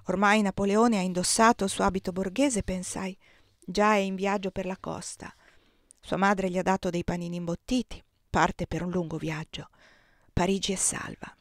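A woman's voice: medium pitch, no room sound. Woman reading a novel, dry close sound. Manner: measured, expressive reading with hushed passages. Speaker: audiobook reader. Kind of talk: literary audiobook narration.

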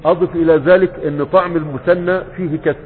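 A man's voice: a little high, fairly even intonation, fast. A man with an Egyptian Arabic accent teaching a grammar lesson as a sheikh. He asks questions and answers them himself, and he stretches out the example words. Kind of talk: classroom lesson. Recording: phone-like sound with long reverb.

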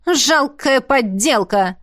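Woman reading as a haughty fairy queen ghost, bossy and brisk, higher voice, dry sound. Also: animated, dry recording, close to an everyday voice. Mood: bitter.

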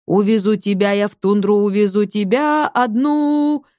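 A woman's voice: medium pitch, expressive, moderate pace, no room sound, studio quality, natural voice. A woman voicing a stubborn old grandmother who answers evasively and wails songs off-key. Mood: wailing song.

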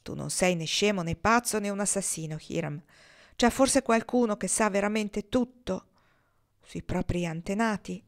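A woman reading the part of a calm, steady woman in an audiobook, softly and firmly. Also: normal speed, lightly acted. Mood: gentle. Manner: soft, low, firm delivery.

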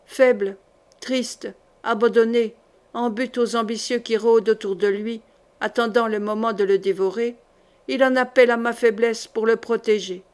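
A woman reading the lines of a gentle, devoted young woman in a historical audiobook, speaking softly and tenderly. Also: a little high, steady tone, normal speed, close to an everyday voice.

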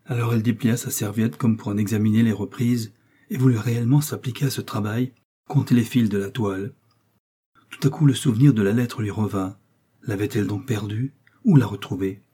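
Male audiobook narrator, measured and grave, low mellow voice with a husky edge.

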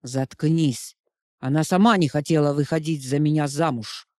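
A woman's voice: deep voice, normal speed, darkish tone, dry recording, studio quality, pitched below the performer's own voice, close to an everyday voice. A woman playing a proud vampire leader who speaks in a cold, curt, warning way.

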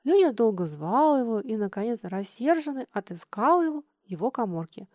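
A woman narrating a children's story in an expressive, lilting reading. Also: a little high, moderate pace, no room sound, clean studio sound.

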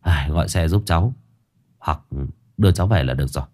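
A man voicing a blunt, impatient young exorcist in a lowered voice. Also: a little fast, a little mellow. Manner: curt, impatient.

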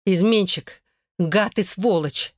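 A man reading an audiobook voices an angry young wife who shouts accusations at her husband. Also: sits high, fairly even intonation, a little fast, no room sound, studio quality, natural voice. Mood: furious.

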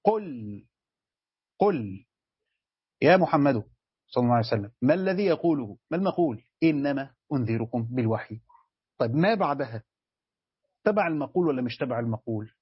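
A man's voice: medium pitch, animated, fairly quick, long pauses, husky, no echo, highs cut off. A man with an Egyptian accent teaching a religious lesson, explaining word by word and asking his listeners questions. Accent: Egyptian Arabic. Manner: explanatory, asks students questions. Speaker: sheikh teaching Quran commentary.

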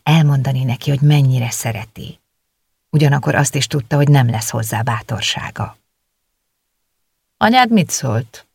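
Gravelly audiobook narrator. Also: medium pitch, fairly even intonation, a little mellow, no room sound. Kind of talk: scripted narration. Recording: dry close recording.

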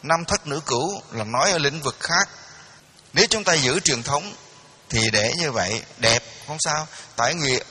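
Bright-voiced Southern Vietnamese man telling a tale. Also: on the high side, lively intonation, normal speed, breathy edge. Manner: folksy, repetitive storytelling with restarts. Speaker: dharma teacher. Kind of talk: storytelling sermon.

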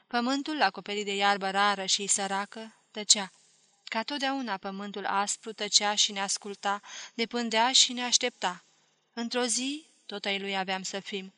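Woman, audiobook narration, literary, deliberate, expressive, bright tone, dry close sound. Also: medium pitch, dry recording. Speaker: audiobook reader.

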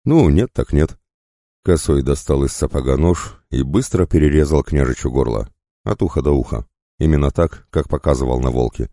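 A man reading a story aloud in a measured, even manner. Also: a bass voice, no echo, studio quality. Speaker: audiobook narrator. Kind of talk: scripted narration.

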